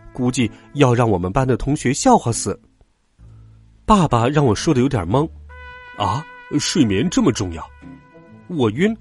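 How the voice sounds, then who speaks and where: A man narrating a children's story in an animated, expressive way. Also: medium pitch.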